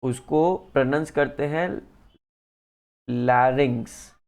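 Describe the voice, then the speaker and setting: A man's voice: a little high, measured pace, darkish tone. Man tutoring a student in science. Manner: explains patiently, mixes in English phrases. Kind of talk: one-on-one lesson.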